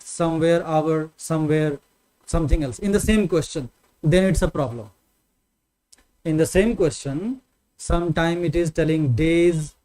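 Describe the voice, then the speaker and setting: Slow, high-pitched Indian maths teacher. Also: male voice, a little mellow, rough recording. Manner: patient, repetitive explaining with check-in questions. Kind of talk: online maths lesson.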